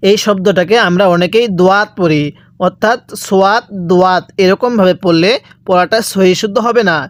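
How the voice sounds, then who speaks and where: A man's voice: sits high, fairly quick, no echo. Patient man teaching letter sounds, dry. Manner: patient, repeats each letter and asks the viewer back. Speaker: Quran reading teacher. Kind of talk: step-by-step recitation lesson.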